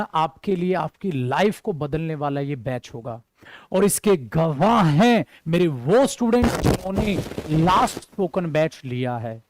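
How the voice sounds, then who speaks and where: A man's voice: fairly high pitch, a little mellow, no echo, studio quality. A man, teaching spoken English to his students and acting out example sentences. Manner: addresses students as dear, acts out example sentences. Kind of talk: promotional class talk.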